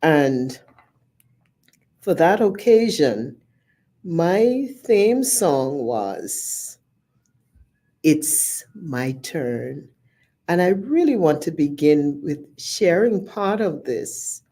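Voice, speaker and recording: Slow, low-voiced Bahamian woman. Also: big pitch swings, warm tone. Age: 50s. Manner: slow, measured and heartfelt, reciting lyrics. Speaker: guest speaker. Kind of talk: personal testimony talk.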